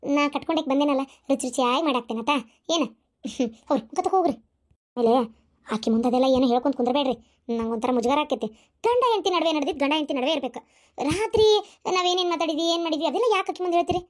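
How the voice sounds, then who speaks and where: A woman's voice: high voice, expressive, rapid-fire, a little mellow. A woman voicing a sweetly scheming young wife in a cartoon family comedy, with a coaxing, coy way of talking and a North Karnataka Kannada accent.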